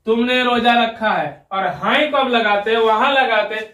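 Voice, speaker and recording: An Urdu teacher with a high, bright and forceful voice gives a slow spelling lesson at a whiteboard. He is patient, keeps asking "ठीक है ना" and quizzing the learner. The room is echoey, and he is recorded from a distance, slightly off-mic.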